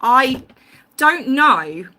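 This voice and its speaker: Hosting a casual YouTube livestream from a home mic, a woman speaks in a high-pitched, very animated, pushed and bright voice, drawing out her words. She goes on at length about her opinions with lots of ums and restarts, self-aware about her tangents.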